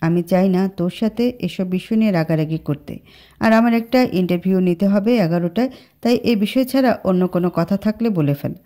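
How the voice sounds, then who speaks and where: Here is a stubborn, moody young man from a spoken storybook, voiced by a woman. His words are short and pointed. The tone is soft and mellow, pitched slightly above a plain speaking voice. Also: a little fast, lightly acted. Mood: weary.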